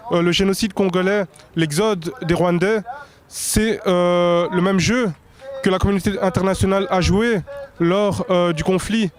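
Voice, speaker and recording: A man explaining his cause earnestly outdoors, pausing often on fillers. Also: high voice. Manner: earnest, hesitant, with frequent fillers.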